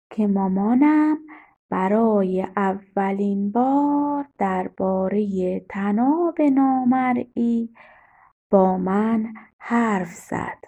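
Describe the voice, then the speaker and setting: Woman voicing a storybook mother, calm, loving, soothing, reassuring, higher voice, slightly muffled sound. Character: calm, loving mother comforting her children.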